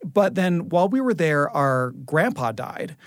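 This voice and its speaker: A man's voice: on the high side, sing-song, unhurried, no echo, clean studio sound. A man co-hosting a podcast, chatting casually and announcing in a conversational way. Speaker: podcast co-host.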